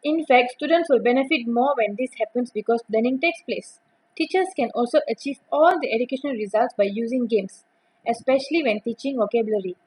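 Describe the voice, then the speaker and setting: A young Malaysian woman reads aloud from a prepared academic presentation at a steady pace, now and then restarting a word. Her slightly high voice carries a husky, breathy edge. The recording is rough.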